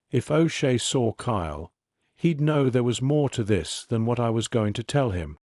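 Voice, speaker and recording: A man reading a first-person fantasy novel in a steady narration. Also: medium pitch, no room sound, clean studio sound. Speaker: audiobook narrator.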